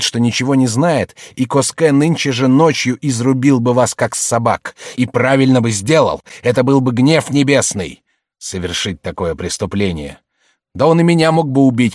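A man's voice: fairly low pitch, dry recording, clean studio sound, lightly acted. A man reading aloud and voicing a dying older man who furiously scolds his sister, in an audiobook.

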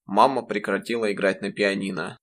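A man narrating a first-person audiobook in a measured, reflective way. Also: on the low side, fairly even intonation, a bit bright.

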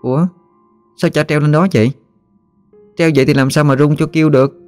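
Storybook little kid, curious and eager, pitched way up; the male narrator plays it. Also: steady tone, a little fast, clear, resonant tone, faint music behind, close to an everyday voice. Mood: puzzled. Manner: high, eager questioning voice. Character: small curious young child.

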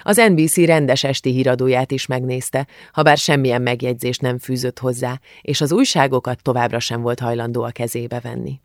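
A man narrating an audiobook in a calm, steady reading voice. His pitch sits in the middle range and the recording is dry and close, with no room around it. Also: few pauses, dry recording.

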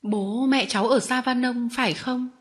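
A woman voicing a kind, gracious noblewoman who speaks softly and reasons patiently, in an audiobook reading. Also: on the high side, steady tone, normal speed, close to an everyday voice. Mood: soothing. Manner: soft, reasoning, kindly. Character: gentle, gracious noblewoman, a mother.

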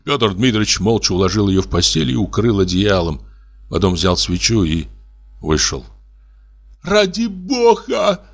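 A man narrating a classic story as an audiobook, in a measured and expressive reading. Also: low-pitched.

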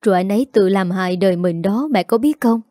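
A woman's voice: mid-range voice, fast, warm tone, no room sound, studio quality, natural voice. Give me a woman playing a grieving young man, tearful and accusing, in an audio story. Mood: reproachful.

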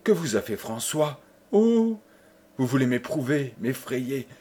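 A man's voice: medium pitch, big pitch swings, unhurried, mellow, husky. A man voicing a young noblewoman who stammers and sobs her desperate pleas. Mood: desperate pleading.

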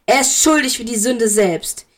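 A woman reading a bitter, furious male wizard teacher in a fan fiction audiobook, with a sharp, accusing delivery. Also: fairly high pitch, moderate pace, pitched above the performer's own voice, natural voice. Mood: angry.

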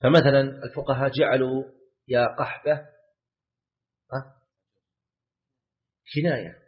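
A man teaching a class on a legal text, often repeating key words and asking his students questions. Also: medium pitch. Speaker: Islamic scholar teaching a class. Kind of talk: lecture commentary on a legal text. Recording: dull lo-fi lecture recording.

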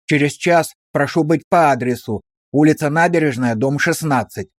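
A man reading aloud plays a shrewd village policeman who questions people in a measured, drily ironic way. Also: fairly high pitch, dry recording, lightly acted. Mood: stern.

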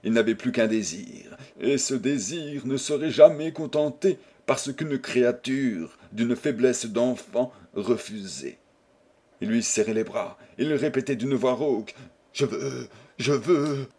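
Male audiobook narrator, measured literary reading. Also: medium pitch, darkish tone, husky. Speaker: audiobook reader.

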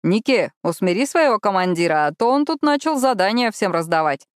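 Audiobook: brash joking young man voiced by a woman, low-pitched, dry. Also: animated, moderate pace, dry recording, lightly acted. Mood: teasing. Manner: loud, mocking. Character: cheerful teasing young man.

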